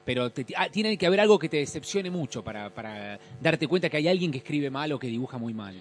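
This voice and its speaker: A man's voice: a little high, big pitch swings, faint music behind. A middle-aged Argentine man, a guest on a casual podcast, telling stories in a rambling way with restarts. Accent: Argentine Rioplatense. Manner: rapid, rambling storytelling with restarts.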